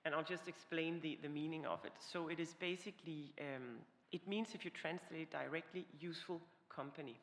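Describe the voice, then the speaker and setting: A woman from Denmark speaking on a conference panel as a company executive, measured and hesitant. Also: deep voice, fairly even intonation. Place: large hall on a conference stage. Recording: reverberant hall with faint noise.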